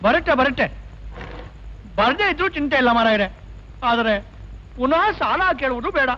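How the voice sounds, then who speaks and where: A man's voice: very high-pitched, expressive, moderate pace, slight background noise. An actor playing a put-upon restaurant owner who mutters sarcastic complaints under his breath, in 1980s film acting. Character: put-upon middle-aged man running a restaurant, sarcastic and grumbling. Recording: dull old film soundtrack.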